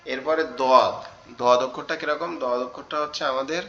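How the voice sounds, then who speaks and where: A man's voice: mid-range voice, fairly even intonation, normal speed, heavy background noise. A man teaching Arabic letters in an online class, patiently repeating each sound and questioning his students. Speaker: Quran teacher. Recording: dull online call audio.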